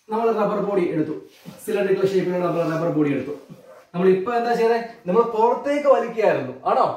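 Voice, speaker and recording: High-voiced Malayali physics teacher. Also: male voice. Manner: keeps asking students questions, calls them children; repeats key terms slowly. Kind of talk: classroom lecture. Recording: echoey room, mic a bit distant.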